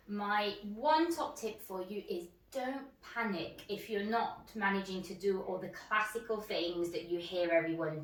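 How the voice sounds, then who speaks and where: A woman in her thirties from France, an emergency doctor talking to camera about her career in an upbeat, chatty way. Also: medium pitch. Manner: upbeat, chatty, quick asides. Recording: roomy, distant mic.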